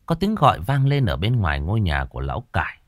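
A man narrating a ghost story with a dramatic, lively delivery. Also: deep voice, fast, no echo, studio quality.

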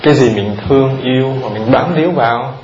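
Over a noisy crowd, a monk with a medium-pitched voice talks fairly quickly through a conversational dharma talk for lay listeners. He repeats words and asks them questions head-on. The sound is roomy, dull and lo-fi, with the audience included.

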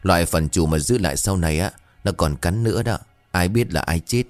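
A man voicing a quick-witted young village man of about twenty who speaks in knowing warnings. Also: low voice, faint music behind, natural voice. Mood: insistent.

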